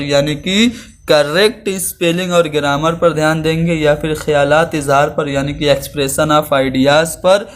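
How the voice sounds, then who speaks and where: A man teaching exam preparation, restating each Urdu term in plain Hindi and English and slowing down to demonstrate example sentences. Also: a little high. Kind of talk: lesson explaining exam questions.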